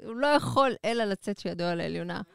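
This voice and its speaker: Woman on a podcast, super clear smooth voice, dry sound, chatty with lots of ums. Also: medium pitch, expressive, no echo. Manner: chatty, many filler pauses. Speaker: podcast co-host, culture reviewer. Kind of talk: casual chat.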